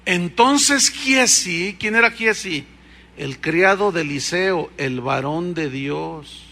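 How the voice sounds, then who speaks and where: A male pastor with a Mexican Spanish accent delivers a sermon. His voice is high and strikingly bright, with a forceful edge. He reads scripture aloud and tells the story with animation, stopping to ask the congregation questions. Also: slow pace, gravelly.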